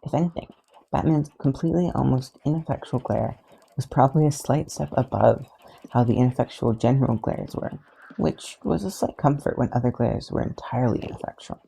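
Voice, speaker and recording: A podfic reader narrating fan fiction in an even, steady read. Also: medium pitch, brisk, vocal fry, breathy edge, rough recording.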